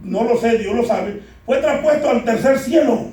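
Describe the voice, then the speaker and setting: A man's voice: very high voice, moderate pace, mellow. A man preaching a sermon to a congregation, repeatedly calling out "beloved brothers" and asking them to answer back. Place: church. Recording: echoey church hall, distant from mic.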